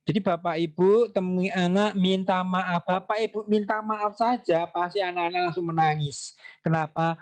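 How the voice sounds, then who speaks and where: A man talking casually to parents in a question-and-answer session, reading out their questions and acting out everyday examples. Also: fairly high pitch. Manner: lively, reads out questions and acts out examples.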